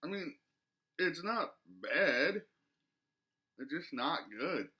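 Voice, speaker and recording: Indoors in a small living room, a twentysomething man casually talks through a product review, words a bit muffled by a lip full of dip. He speaks slowly in a fairly high, sharp voice with plenty of expression.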